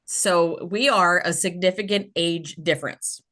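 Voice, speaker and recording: A woman's voice: lowish voice, unhurried, bright, forceful tone. A woman in her forties hosting a podcast, talking in a chatty, rambling way with lots of fillers. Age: 40s. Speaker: podcast host. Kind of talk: casual interview chat.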